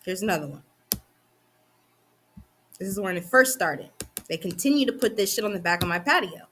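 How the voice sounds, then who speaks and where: A young woman venting heatedly to the camera, swearing often and rushing through run-on sentences with frequent restarts. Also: mid-range voice, animated, fairly bright tone, faint music behind. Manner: heated and profane, rapid run-on talk with restarts. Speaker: vlogger. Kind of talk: angry venting monologue.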